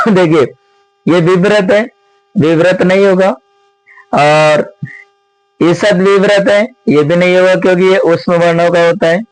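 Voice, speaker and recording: A man teaching Sanskrit grammar and working through exam questions, explaining slowly, repeating himself and asking his students many rhetorical questions. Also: sits high, no echo, low-quality recording. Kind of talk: exam question walkthrough lesson.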